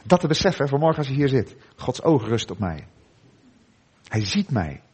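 A middle-aged man preaching a sermon in a church, earnest, with dramatic pauses and endings that drop soft. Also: medium pitch, sing-song, breathy edge.

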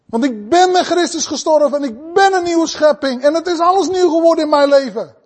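A man preaching a fervent sermon, swinging between loud, urgent passages and soft, pleading ones. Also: very high-pitched, fairly quick.

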